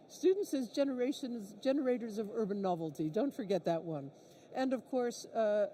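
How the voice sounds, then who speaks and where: Friendly woman hosting a conference, mellow warm tone, introduces everyone on stage. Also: fairly high pitch, a little hiss or hum. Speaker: conference host.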